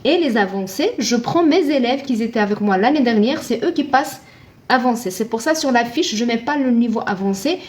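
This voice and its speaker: A woman's voice: a little high, animated, a little fast, darkish tone. Chatty woman teaching Arabic live. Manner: chatty, thanks viewers by name, asks and answers her own questions. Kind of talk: casual live-stream lesson talk.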